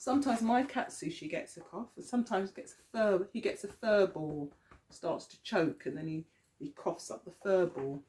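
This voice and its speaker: A woman teacher reads a picture story aloud to young children, expressively and with frequent pauses to ask them questions. Her voice is mellow and medium-pitched.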